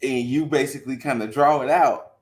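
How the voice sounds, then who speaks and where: A man's voice: medium pitch, a little fast, slight background noise. A man co-hosting a podcast, chatting casually about a movie and retelling its scenes in an easygoing way. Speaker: podcast co-host. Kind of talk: casual movie review chat.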